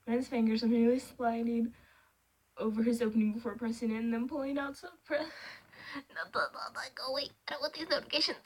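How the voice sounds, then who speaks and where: A woman's voice: a little high, steady tone, fast talker, husky. A woman reading fan fiction aloud, getting flustered, laughing and breaking off to react. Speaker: channel host.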